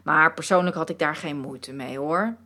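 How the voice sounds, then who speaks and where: A woman voicing a dreamy painted muse come alive. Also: deep voice. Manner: slow, wistful, softly mystical. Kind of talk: storytelling narration.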